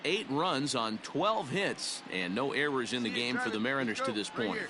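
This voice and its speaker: A man playing a baseball play-by-play broadcaster, calling each pitch and the count in game commentary. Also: animated, normal speed, a crowd in the background, lightly acted. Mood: announcing. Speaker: play-by-play announcer. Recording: clear background noise of ballpark ambience.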